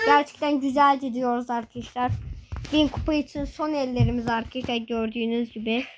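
A young gaming host giving excited live commentary while playing. They repeat the same phrases over and over and shout urgent commands at the screen. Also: mid-range voice, slight background noise, rough recording.

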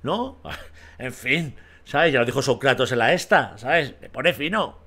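Blunt, foul-mouthed Spanish streamer. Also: male voice, medium pitch, measured pace, sharp tone. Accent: Spain Spanish. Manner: blunt, profane and combative; keeps asking the audience for agreement. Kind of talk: ranting livestream commentary.

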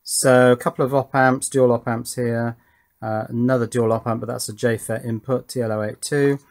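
An electronics hobbyist presenter at his home workbench chats casually about his circuit board build, dropping wry asides as he goes. His voice is medium-pitched and darkish, with little pitch movement and a moderate pace.

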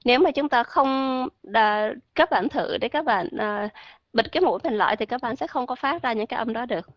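A woman teaching English pronunciation in an online class, explaining patiently and modeling words slowly. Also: on the high side, no echo, lo-fi sound.

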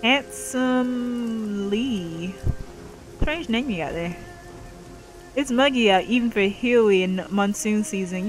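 A woman with a mid-pitched voice reads a role-playing game's text aloud for her channel, voicing narration and characters alike. She drops playful asides between the lines. Faint game music plays quietly underneath. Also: low-quality recording. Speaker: gaming YouTuber reading game dialogue aloud. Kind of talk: let's play commentary and reading.

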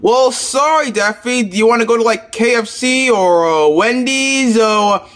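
A woman's voice: on the high side, measured pace, close to an everyday voice. A woman voicing an easygoing male cartoon cup character who talks casually with lots of fillers, in a plush puppet show.

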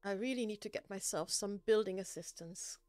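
A woman's voice: medium pitch, a little fast, a little mellow, clean tone, no echo, faint music behind. A woman streaming a building game, chatting casually, laughing often and poking fun at herself. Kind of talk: casual gameplay chat.

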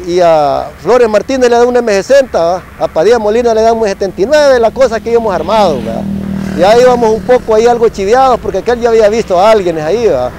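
Salvadoran ex-soldier, middle-aged man, high voice, chatty storyteller with a constant "va" tag and gunshot sounds. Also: background noise. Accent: Salvadoran Spanish. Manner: tags nearly every phrase with "va", mimics gunshots. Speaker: former soldier telling a war story. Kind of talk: casual spoken storytelling.

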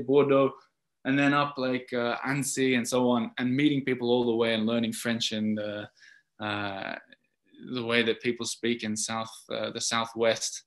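A man with an Australian accent speaks in a loose, chatty ramble, full of "uh"s and restarts. His pitch sits in an ordinary male middle range. He talks to an audience over a video-call microphone. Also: a bit bright. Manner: rambling, chatty, many fillers. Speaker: podcast host, guest speaker. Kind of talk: casual talk and Q&A on a video call. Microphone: video call mic.

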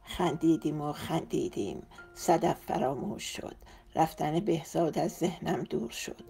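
A woman narrating a romance novel in a steady, expressive reading. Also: low voice, creaky, soft background music. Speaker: audiobook narrator.

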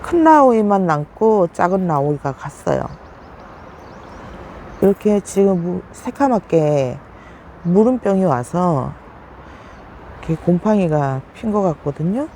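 Warm-toned and animated, this succulent vlogger narrates an unhurried, casual tour of her plants, pausing often against slight background noise. She chats away and breaks into sudden high gasps of delight over them.

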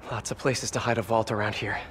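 A man's voice: fairly low pitch, level tone, quick pace, a bit bright, a little hiss or hum, lightly acted. A man playing an earnest, quippy young superhero in a video game, speaking expressively. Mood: focused. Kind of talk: cinematic game voice acting.

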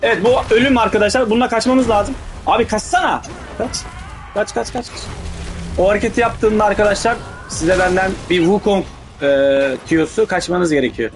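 A man commentates casually on a video game. He talks in rough street slang with heavy swearing and breaks into urgent, excitable bursts. Music plays behind him. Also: sits high, a little fast. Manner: excitable, blurts urgent outbursts. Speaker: gaming video host. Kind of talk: casual live gameplay commentary.

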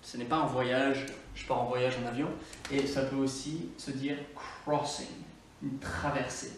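A man with a Scottish accent, an online English teacher giving a chatty, upbeat lesson to camera and repeating key words slowly for learners. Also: medium pitch, level tone, slight background noise. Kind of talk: lively language lesson to camera. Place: indoor room, filmed live to camera. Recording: very echoey room, distant mic, faint music.

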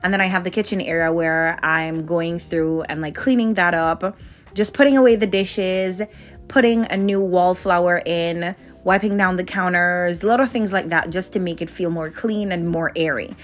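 A woman's voice: on the low side, steady tone, moderate pace, soft background music. A woman in her late twenties from Jamaica, narrating a home cleaning vlog in a candid, conversational voice-over. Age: late 20s. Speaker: vlogger.

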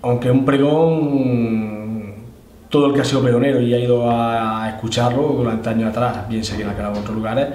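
A man's voice: mid-range voice, steady tone, fairly quick, darkish tone. Echoey middle-aged Andalusian man chatting. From Spain, Andalusia. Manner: conversational, often adds tag questions. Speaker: interviewee, Holy Week proclamation orator. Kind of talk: casual interview, storytelling. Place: indoors, room with display cabinets. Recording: echoey, slightly distant, faint noise.

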